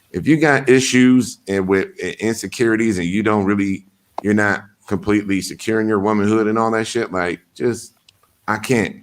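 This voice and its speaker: Deep-voiced man hosting a casual podcast. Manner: blunt, loose talk with frequent fillers and swearing. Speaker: podcast host.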